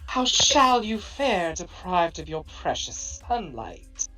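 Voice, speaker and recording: A woman voicing a sinister baroness in a slow, drawn-out ghostly voice, theatrically menacing in a tabletop game. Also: on the low side, big pitch swings, music in the background, pitched above the performer's own voice, low-quality recording. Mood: sinister taunting. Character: sinister invisible baroness with a ghostly voice, relishing blood sport.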